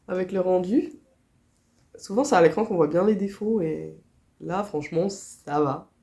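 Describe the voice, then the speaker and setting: A woman's voice: fairly low pitch, dark tone. A woman from Switzerland with a Swiss French accent, chatting casually in a crafting vlog, her nose stuffed up from a cold. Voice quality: nasal. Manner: chatty, laughs often, many fillers. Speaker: crochet vlogger. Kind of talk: casual chat.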